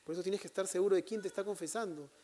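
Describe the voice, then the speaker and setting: A man's voice: sits high, rapid-fire, warm tone. A male priest preaching a sermon in a conversational way, putting questions to his congregation and teasing them.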